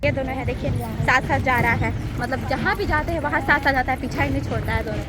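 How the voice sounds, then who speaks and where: A woman's voice: high-pitched, fast talker, heavy background noise. A woman from Bihar with a Bihari Hindi accent, chatting casually in her village vlog and calling out to animals. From Bihar, India. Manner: chatty, coaxing animals with repeated calls. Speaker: vlogger. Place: village outdoors, then in an auto-rickshaw.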